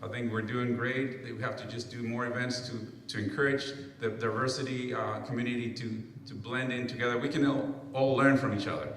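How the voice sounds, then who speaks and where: A man's voice: medium pitch, fairly bright tone, slight background noise. A man from Peru, a council candidate, giving earnest answers at a public forum and often restarting phrases. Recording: echoey hall, mic far off.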